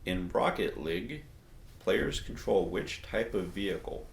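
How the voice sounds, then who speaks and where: A man hosting a streamed trivia game, reading out questions and multiple-choice answers in a slow, measured way. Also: low voice, lively intonation, gravelly, roomy sound, slight background noise. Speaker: quiz host.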